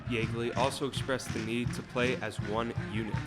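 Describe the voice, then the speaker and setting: A man's voice: mid-range voice, flat delivery, normal speed, over loud music. A young man narrating a scripted sports recap as a field reporter.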